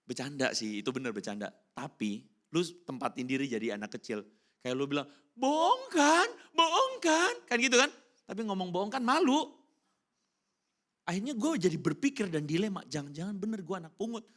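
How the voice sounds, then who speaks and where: A man preaching a casual youth sermon in speech, slangy and animated, keeping up a run of rhetorical questions to the congregation. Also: a little high, a little fast. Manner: animated, keeps asking the crowd rhetorical questions; slangy and informal, breaks into English phrases. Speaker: youth pastor. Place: church hall during a service.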